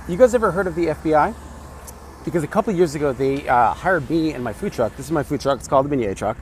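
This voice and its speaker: A man who runs a food truck, telling an exasperated, animated story to camera outdoors. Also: fairly high pitch, fast, a little hiss or hum. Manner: animated, exasperated retelling with quoted voices.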